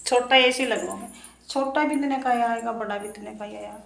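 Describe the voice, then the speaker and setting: A young woman vlogging casually from her hot home kitchen, hoarse and unwell, chatting and complaining straight to her viewers. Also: a little high, fairly even intonation, fairly quick, a bit bright. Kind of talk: casual chat to camera. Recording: echoey room, faint noise.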